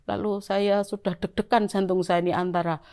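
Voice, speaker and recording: A middle-aged woman with a Javanese-influenced Indonesian accent, telling her church testimony to the congregation in a lively storytelling way. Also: medium pitch, normal speed, smooth. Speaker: church member giving testimony.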